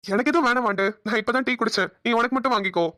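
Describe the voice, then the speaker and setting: Fast-talking young cartoon husband, voiced by a woman, teasing, fairly high voice. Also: bright, forceful tone, no room sound, clean studio sound. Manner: teasing, affectionate ribbing. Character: protective young husband, a joking policeman. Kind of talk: cartoon voice acting.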